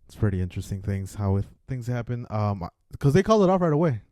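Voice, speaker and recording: A man's voice: lowish voice, fast, no room sound. A man co-hosting a podcast, talking football casually, swearing freely and calling his co-host "dude". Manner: relaxed, swears casually, says "dude" often. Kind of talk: casual sports chat.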